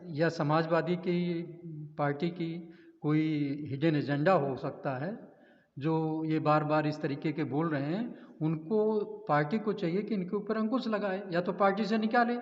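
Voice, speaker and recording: A political analyst from Uttar Pradesh, indignant and emphatic, answering questions in a news interview. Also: male voice, fairly high pitch. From Uttar Pradesh, India. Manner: indignant, emphatic, with hesitant restarts. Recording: echoey, roomy, dull lo-fi sound.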